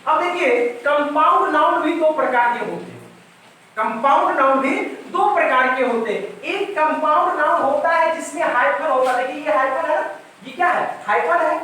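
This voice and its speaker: A man's voice: very high voice, moderate pace, sharp tone, slight background noise. A male English teacher giving a grammar lesson, repeating points and asking questions that he answers himself. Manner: repetitive, asks questions and answers them himself. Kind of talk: classroom-style grammar lesson. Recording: very echoey room, mic at a distance.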